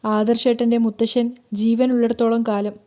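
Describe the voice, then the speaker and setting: A woman's voice: on the high side, little pitch movement, moderate pace, warm tone, natural voice. A woman voicing a hurt, tearful young married woman who pleads and scolds.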